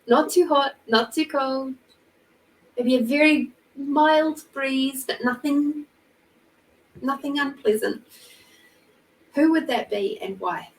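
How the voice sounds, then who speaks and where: A woman hosting a podcast in a relaxed, giggly manner. She speaks very slowly in a fairly high voice. She sounds set well back from the microphone. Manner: warm, giggly, leisurely questioner. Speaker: podcast host. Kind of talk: casual interview. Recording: voice from far off the mic.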